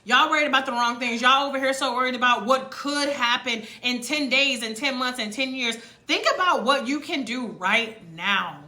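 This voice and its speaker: Loud, sharp, high-voiced American woman. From United States. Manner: emphatic, blunt, preachy, stretches key words for effect. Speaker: livestream host coaching on moving abroad. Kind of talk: motivational livestream talk to viewers.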